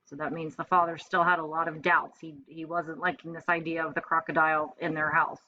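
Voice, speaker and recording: The woman reading to first graders here has a low, bright, forceful voice, moving a little fast with a flat delivery. As their teacher, she reads the storybook expressively and explains things simply. The recording is a dull, lo-fi home capture with faint noise.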